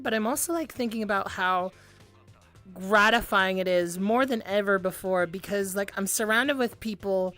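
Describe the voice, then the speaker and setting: A young woman chatting casually to viewers on a livestream in a cute, bubbly anime-streamer manner, excitable, giggly and rambling. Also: medium pitch. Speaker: music streamer, VTuber.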